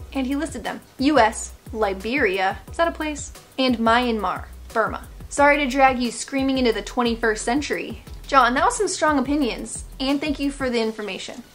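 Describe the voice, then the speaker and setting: An American woman in roughly her thirties, with a slightly high voice, hosts a vlog. She gives casual reaction commentary full of playful sarcasm and animated asides.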